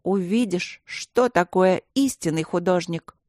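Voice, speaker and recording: A woman's voice: mid-range voice, normal speed, dry recording, clean studio sound, pitched above the performer's own voice, natural voice. A woman voicing a proud, dramatic schoolboy who thinks he is a great artist, talking in a lofty, indignant way.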